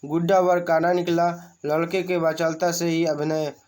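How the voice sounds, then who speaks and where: Male teacher, unhurried and slightly high voice, reads a text and explains it plainly. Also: little pitch movement, a little mellow. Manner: reads a passage aloud, then explains it in plain words. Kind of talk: reading and explaining a school lesson.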